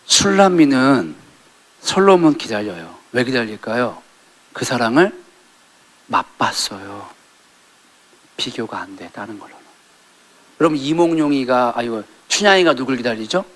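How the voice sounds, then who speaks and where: A middle-aged male pastor preaching a sermon in a church, acting out quoted lines and rising to loud peaks. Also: mid-range voice, very animated, a little slow, pauses often. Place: church sanctuary.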